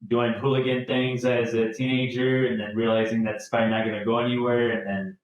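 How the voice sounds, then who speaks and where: A man in his thirties who grew up in France, chatting as a podcast guest in a relaxed, rambling way. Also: medium pitch, a little fast, lo-fi sound. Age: 30s. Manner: relaxed, rambling with many restarts. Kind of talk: casual interview chat. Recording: very echoey room.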